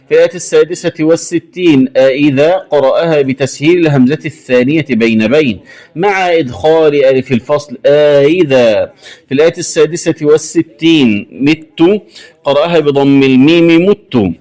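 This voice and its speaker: A man teaching Quran recitation variants, stating each rule briskly and then chanting the word slowly and drawn out. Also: fairly high pitch, a little mellow. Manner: brisk rule explanations broken by slow, drawn-out chanted words.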